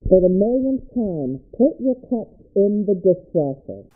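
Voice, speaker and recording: Muffled low-pass filtered angry man. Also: big pitch swings, a little slow, faint music behind. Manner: exasperated, scolding tone. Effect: low-pass filtered, muffled with only the bass left. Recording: heavily filtered muffled playback recording.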